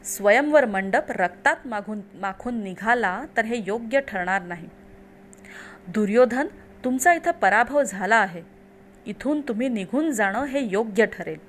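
A woman's voice: on the high side, lively intonation, measured pace, slight background noise. A woman voicing a stern divine lord. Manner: stern, commanding.

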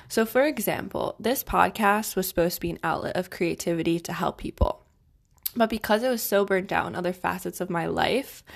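A woman's voice: on the low side, vocal fry. A young adult woman hosting a solo self-help podcast, giving advice in a tidy, organised way. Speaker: podcast host.

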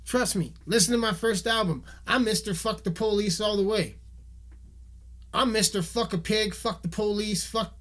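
A man's voice: high-pitched, normal speed, a bit bright. Heated, foul-mouthed man ranting. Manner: heated, swears constantly, repeats himself. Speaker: musician ranting on camera. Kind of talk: profane video rant.

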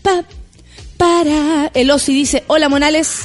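Chatty high-voiced Chilean woman radio host. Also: steady tone, unhurried, soft background music. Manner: chatty, playful, laughs often. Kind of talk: casual radio chat reading listener messages.

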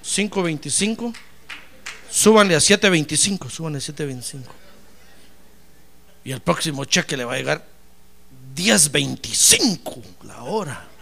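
Preacher playing a boss handing out a raise, brisk, high pitch. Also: male voice, big pitch swings, creaky, sharp tone, full character voice. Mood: approving.

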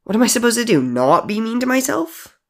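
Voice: medium pitch, sing-song, a little fast, gravelly, pitched above the performer's own voice. A storyteller voicing C J, an eighteen-year-old who jokes wryly to cover hurt. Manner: wry jokes over hidden hurt. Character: self-deprecating young person named C J, age eighteen. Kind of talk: audiobook character voice.

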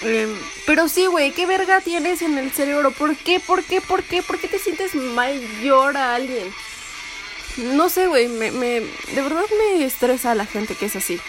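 Young woman, Mexican Spanish accent, profane sarcastic rant, vlog monologue, fairly high voice, music behind. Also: expressive, a little slow. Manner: profane, heated, sarcastic ranting.

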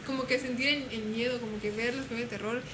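A young woman telling stories in casual chat, animated and acting out voices. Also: fairly high pitch, rapid-fire. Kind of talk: casual storytelling. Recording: noisy room.

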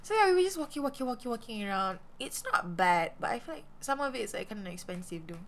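A woman's voice: mid-range voice, lively intonation, quick pace, fairly bright tone. A young woman with a Malaysian English accent, co-hosting a casual chat, with lots of "like" and "lah" and casual swearing. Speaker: podcast co-host.

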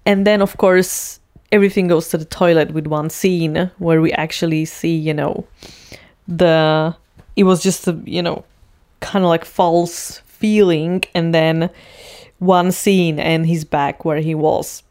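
A woman's voice: deep voice, fairly even intonation, a little slow, a little mellow. A woman casually retelling a TV scene, chatty and full of fillers. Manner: chatty, heavy use of fillers. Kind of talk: casual storytelling.

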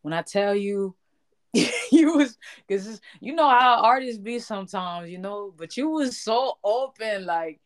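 A woman's voice: medium pitch, expressive, unhurried. A woman hosting a casual podcast chat, bubbly and full of slang. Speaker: podcast host.

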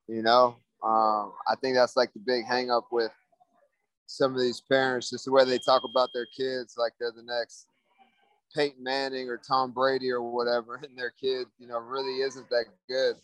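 Laid-back man with a flat voice. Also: mid-range voice, no room sound, rough recording. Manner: laid-back, mellow, many "you know" fillers. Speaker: fighter being interviewed. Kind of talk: casual interview.

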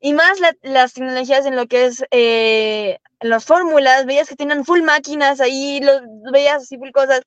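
Eager young Ecuadorian woman, high voice. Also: no room sound. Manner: eager, fast rambling with many restarts. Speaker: guest racing driver. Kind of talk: podcast interview. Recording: dull lo-fi sound, dry.

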